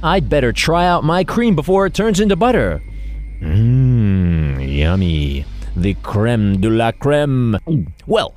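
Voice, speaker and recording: Male host for a chemistry explainer, playful, very expressive pitch. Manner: lively, playful delivery. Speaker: show host. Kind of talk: scripted science explainer.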